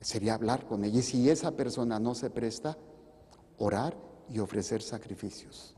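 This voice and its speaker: Priest preaching in an echoing hall. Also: male voice, medium pitch, normal speed, mellow, breathy edge. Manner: conversational, jokey preaching with acted asides. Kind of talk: sermon.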